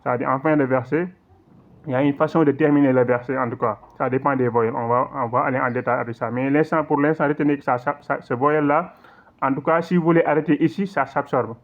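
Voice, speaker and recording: A man teaching recitation rules in an online lesson, explaining patiently, checking in often, and reciting examples slowly. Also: medium pitch, steady tone. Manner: patient, repetitive explaining with frequent check-ins; slow drawn-out recitation in demonstrations. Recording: tinny phone-like audio.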